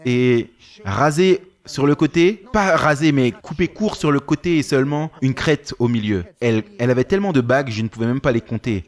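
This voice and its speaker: A man's voice: medium pitch, fairly quick. A male preacher telling a story in a sermon, acting out the dialogue with animation.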